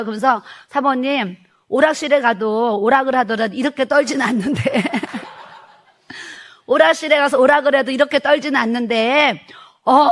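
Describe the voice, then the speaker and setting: A woman's voice: high-pitched, fairly bright tone. A middle-aged woman, a pastor's wife, retelling a church testimony in a sermon, acting out the quoted speech and laughing as she goes.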